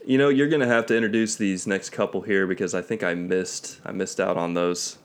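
Young male co-host, lowish voice, loose rambling chat. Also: brisk. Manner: relaxed, rambling, laughs often. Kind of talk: casual gaming chat.

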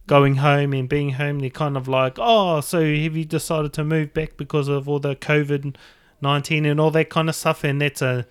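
A man's voice: fairly high pitch, little pitch movement, moderate pace, clean tone. A man from New Zealand with a Māori English accent hosts a casual podcast, speaking in loose, hesitant phrases. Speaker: podcast host.

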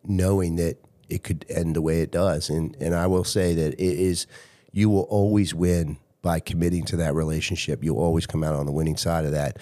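A man's voice: low voice, steady tone, moderate pace, warm tone, no room sound, studio quality. A man co-hosting a casual podcast, earnest and slangy, dropping "man" and "dude". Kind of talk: casual group discussion.

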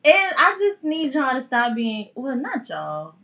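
Higher-voiced young woman co-host. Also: huge pitch swings, a little slow, sharp tone. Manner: laughing, teasing, slangy. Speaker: podcast co-host. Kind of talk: casual chat.

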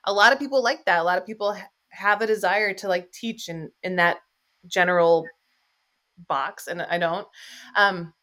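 A woman's voice: medium pitch, normal speed, a bit bright. A woman astrologer talking candidly in a casual podcast conversation, rambling with many fillers and restarts. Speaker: astrologer and YouTuber.

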